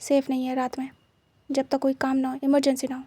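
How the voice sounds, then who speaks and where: A woman's voice: high voice, monotone, a little fast, warm tone, dry recording. A woman voicing a reserved, stern male teacher who speaks in short, level, firm sentences. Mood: calm.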